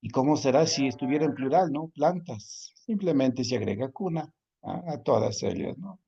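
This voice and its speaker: A man's voice: mid-range voice, lively intonation, moderate pace, vocal fry, mellow, breathy edge, muffled recording. A man teaching a language class, repeating each word patiently and checking in often with his students. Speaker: Quechua teacher. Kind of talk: online class lesson.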